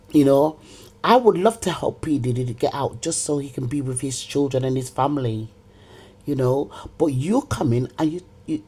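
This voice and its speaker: Looking directly into the camera, a middle-aged woman tears into someone who isn't present, going over the same things again and again. She has a low, mellow voice with a slightly rough texture.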